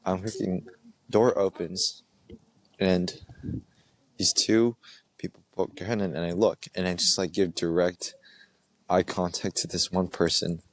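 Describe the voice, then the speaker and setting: A man's voice: low-pitched, flat delivery, measured pace, pauses often, slight background noise. A young man hosting a podcast, telling a rambling story in a casual, filler-heavy way with restarts and swearing. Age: young adult. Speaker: podcast host.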